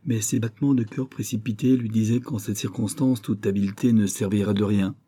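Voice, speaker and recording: A man reading a classic novel aloud as an audiobook, with measured, even storytelling. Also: on the low side, husky. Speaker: audiobook reader. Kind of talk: scripted literary narration.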